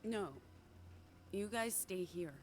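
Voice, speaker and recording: A woman's voice: mid-range voice, slow pace, slight background noise, lightly acted. An actress voicing a determined young woman who leads her group with decisive commands.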